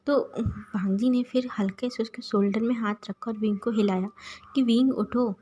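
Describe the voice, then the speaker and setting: A woman's voice: mid-range voice, steady tone, moderate pace, warm tone, a little hiss or hum. A woman casually retelling a fan story in a chatty way, with lots of fillers.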